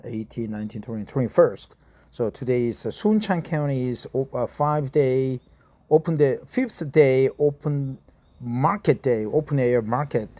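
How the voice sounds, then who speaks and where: Practicing his English, a middle-aged non-native speaker from South Korea records himself casually reading an article aloud. His medium-pitched voice has a dark tone and a Korean accent, and he hesitates with many fillers and self-corrections.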